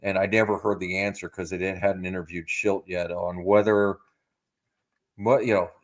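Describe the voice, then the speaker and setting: Deep-voiced man in casual baseball chat. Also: flat delivery. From United States. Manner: measured, hedging, thinks aloud with many "you know"s. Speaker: co-host of a baseball podcast.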